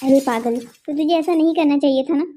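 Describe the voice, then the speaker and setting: A woman's voice: sits high, a little fast, mellow, slight background noise, natural voice. Woman voicing a frank, sensible young friend. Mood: advising. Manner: frank, advising.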